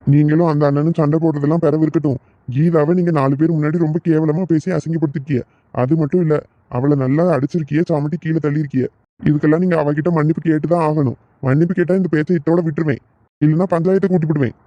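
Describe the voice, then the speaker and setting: A man's voice: on the high side, steady tone, quick pace, no echo, close to an everyday voice. A man doing an earnest young village husband. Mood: firm. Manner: earnest, protective. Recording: dull lo-fi recording.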